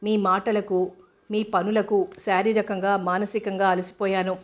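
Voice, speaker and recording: A woman reading the lines of a proud, wronged young wife in a storybook drama, in a flat, even way. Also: mid-range voice, a little slow, close to an everyday voice. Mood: defiant.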